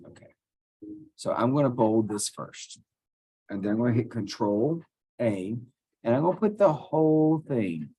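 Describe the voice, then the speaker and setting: Here a male teacher records his screen and guides students through a computer task step by step. He chats casually and thinks aloud between clicks, in a mellow, slightly rough voice that leans low.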